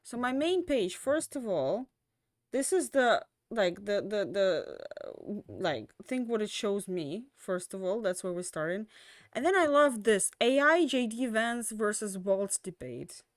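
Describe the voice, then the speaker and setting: Clean studio sound with no echo captures a young woman's medium-pitched, lively voice as she ends her stream. Tired and slowly losing her voice, she chats casually, rambling and full of fillers and restarts.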